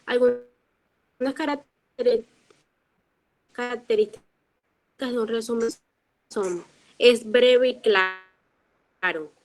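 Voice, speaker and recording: Woman student reading a text aloud slowly and haltingly, audio choppy over a bad video call, slightly high voice. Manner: slow, halting reading with restarts. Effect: choppy, breaking-up video call audio. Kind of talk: reading aloud in an online class.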